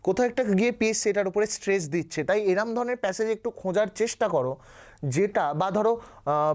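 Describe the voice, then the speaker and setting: A man with a Bengali accent teaching an exam coaching class, slowly explaining English words and reading passages in a mix of Bengali and English. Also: high-pitched, a little mellow. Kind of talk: online class lecture.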